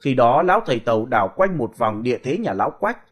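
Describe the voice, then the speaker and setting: A man reading a ghost story aloud in a dramatic, expressive way. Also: medium pitch, fast, soft background music. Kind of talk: scripted storytelling.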